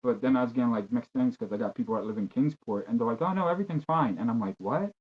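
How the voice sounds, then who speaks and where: A man's voice: mid-range voice, fairly even intonation, racing, slightly rough. A man chatting casually in an informal, rambling way, on a dull lo-fi recording. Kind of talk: casual chat. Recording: dull, lo-fi voice pickup.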